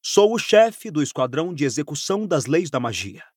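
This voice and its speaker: A man's voice: fairly high pitch, very animated, moderate pace, a little mellow, no room sound, clean studio sound. A man voicing a polite, firm male ministry official in an audiobook, earnest and cautious.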